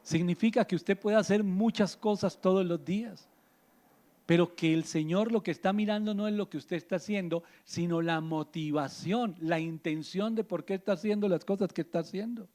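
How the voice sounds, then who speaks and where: Emphatic pastor preaching. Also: male voice, high-pitched, normal speed, darkish tone. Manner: emphatic, rhetorical questions to the listener. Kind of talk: radio sermon.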